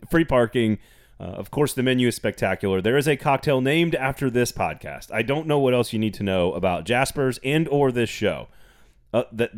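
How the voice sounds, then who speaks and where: A man hosting a sports podcast, talking casually and rambling with frequent restarts. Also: lowish voice. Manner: rambling, repeats words, laughs often. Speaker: podcast host.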